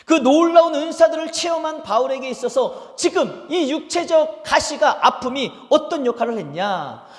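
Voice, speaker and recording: A male pastor delivering a Sunday sermon with lively swings in volume, acting out imagined prayers and complaints. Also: very high voice, normal speed, hardly any pauses. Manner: dynamic preaching, acting out quoted prayers and complaints. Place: church sanctuary. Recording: echoey church hall with long reverb.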